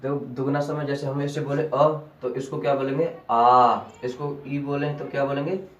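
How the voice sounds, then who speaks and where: A man teaching a grammar lesson slowly, repeating key terms back as questions to his students. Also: medium pitch, level tone, darkish tone, muffled recording. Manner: slow and deliberate. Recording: echoey room, voice from a distance.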